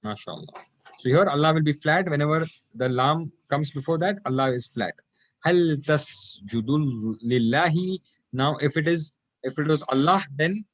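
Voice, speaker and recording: Man teaching slowly, repeating phrases. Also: mid-range voice, no room sound. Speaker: Arabic teacher. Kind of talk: online class teaching.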